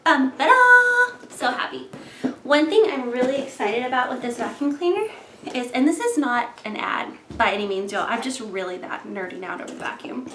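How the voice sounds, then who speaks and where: Excited girl vlogging in her bedroom, highish voice, kinda out of breath, echoey room, noisy background. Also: fairly quick. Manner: bubbly and excited, chatty with many fillers. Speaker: home cleaning vlogger. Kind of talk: casual chat to camera. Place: home bedroom, indoors.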